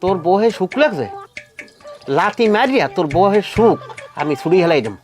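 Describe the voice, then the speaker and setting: An actor playing a short-tempered village husband who blusters and threatens, with a rural Bangladeshi Bengali accent. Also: male voice, high-pitched, animated, normal speed, faint music behind. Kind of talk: comedy drama acting.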